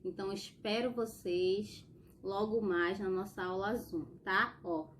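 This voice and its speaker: A woman's voice: mid-range voice, steady tone, unhurried, a little hiss or hum. Patient Brazilian woman teaching young children. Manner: patient and explanatory, tagging sentences with "tá?" and "ó". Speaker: primary school teacher. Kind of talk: recorded remote lesson for young children.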